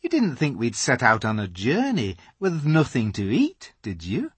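A reader doing a brisk, motherly beaver wife. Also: medium pitch, wildly swooping pitch, slightly rough, no echo, full character voice. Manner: practical, unflappable. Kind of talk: audiobook character voice.

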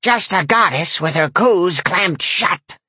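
A man's voice: sits high, expressive, slow pace, pushed and bright, slightly rough, dry recording, pitched above the performer's own voice, full character voice. A man voicing a crabby, foul-mouthed old woman who runs a shop, sneering and cackling.

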